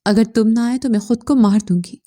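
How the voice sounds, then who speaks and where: Desperate young bride, read by a woman, tearful insistent pleading, mellow. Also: fairly high pitch, steady tone, fairly quick, lightly acted.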